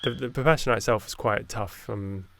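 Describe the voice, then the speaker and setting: Over a noisy background, a deep-voiced man conducts a casual interview, speaking softly and hesitantly and often trailing off mid-thought. His gravelly voice moves a little fast.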